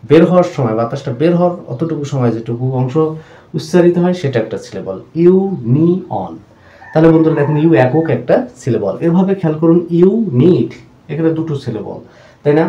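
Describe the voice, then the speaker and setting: A man teaching English pronunciation rules. His voice is mellow and dark. He repeats each example word slowly and keeps calling his viewers friends, and the recording has a roomy echo. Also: medium pitch. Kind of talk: explanatory lesson.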